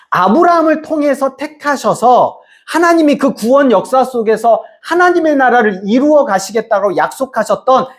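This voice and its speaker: A preacher giving a sermon, reading scripture aloud and questioning the congregation. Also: medium pitch. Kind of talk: sermon, Bible teaching.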